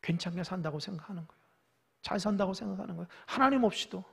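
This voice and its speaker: A male pastor preaching a sermon with dramatic delivery, acting out quoted dialogue and swinging between loud pleading and hushed whispers. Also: high-pitched, quick pace, creaky, husky. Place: church sanctuary.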